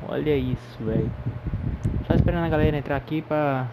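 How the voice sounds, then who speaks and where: A man's voice: a little high, brisk. A Brazilian man with a tongue-tied, slushy lisp giving informal, slangy commentary as host of a gameplay video. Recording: clear car and game noise behind. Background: car engine sounds from racing game.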